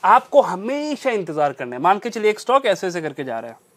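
Very animated and a bit bright, this man's high-pitched voice moves fairly quickly as he teaches a stock trading strategy from a chart. The trading instructor stresses his main points emphatically and repeats the key phrases.

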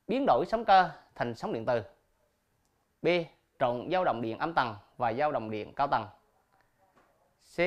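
A male teacher with a mid-range voice takes his students through a recorded quiz. He reads each question and its options aloud slowly and clearly, pauses, then explains the answer step by step. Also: mid-range voice. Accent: Vietnamese. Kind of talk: recorded classroom quiz lesson.

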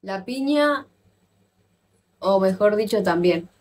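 A woman with an Argentine accent chatting casually with viewers on a live stream, playful and quick to exclaim and laugh. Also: mid-range voice, lively intonation, darkish tone. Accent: Argentine Spanish. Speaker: livestreamer.

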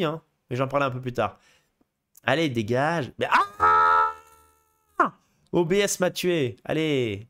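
Rambling, excitable male film host. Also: a little high. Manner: rambling, many fillers and restarts; excitable, swears casually. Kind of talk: casual live chat about films.

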